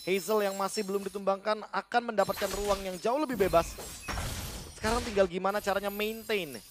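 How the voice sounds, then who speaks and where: A man's voice: sits high, steady tone, brisk. A man giving analytical esports caster commentary on a match. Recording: music behind the voice. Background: music.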